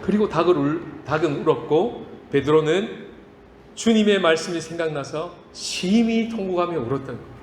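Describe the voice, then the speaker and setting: Pastor, male, high and lively sermon delivery, hushed then loud, echoing church hall. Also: moderate pace, slight background noise. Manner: swings from hushed to loud emphatic preaching. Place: church sanctuary. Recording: reverberant church hall, faint ambience.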